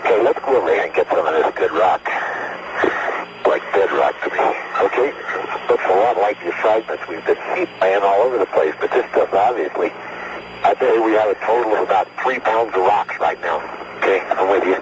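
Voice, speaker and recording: Astronaut guy on old space radio, super noisy, kinda low voice, chatting casually while working. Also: fairly quick. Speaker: astronaut on a moonwalk. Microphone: headset in spacesuit.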